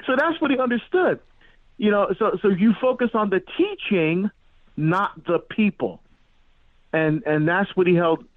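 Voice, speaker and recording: A middle-aged man born in Barbados and raised in New Jersey, a guest on a radio interview, telling his story with animated restarts and many fillers. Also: a little high, no room sound. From born in Barbados, grew up in New Jersey. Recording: tinny phone-line sound, dry.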